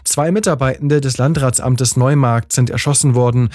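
A man reading the radio news in a measured, formal way. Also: medium pitch, a little mellow, no room sound, clean studio sound. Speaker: newsreader.

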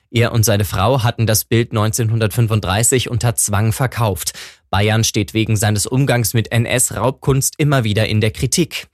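A man reading the radio news in a steady, formal way. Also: medium pitch, no room sound, studio quality. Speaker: newsreader.

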